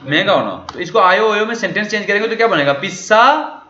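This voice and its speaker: A man lectures with a high, bright voice, walking through a dialogue line by line. He keeps posing questions and answering them himself. The recording is roomy and somewhat muffled. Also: lively intonation, quick pace, slight background noise. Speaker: language teacher. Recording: echoey room, dull lo-fi sound.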